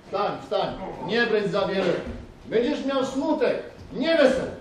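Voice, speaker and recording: A man acts out a shepherd jolted awake by a bright night sky, crying out his rhymed lines in a very high voice. The delivery is slow and deliberate. It is heard from a distance in a booming school hall with faint background noise. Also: full character voice. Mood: urgent. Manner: excited, declaiming rhymed verse. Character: startled young male shepherd Jaśko. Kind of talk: school nativity play acting. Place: school stage, indoors.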